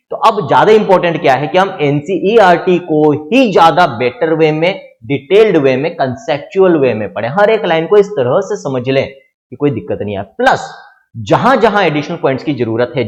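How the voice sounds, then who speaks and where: A middle-aged man with an Indian accent teaching biology to exam students, explaining step by step with lots of rhetorical questions. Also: medium pitch. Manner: explains with repeated rhetorical questions, calls listeners "children". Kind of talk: exam-prep lecture.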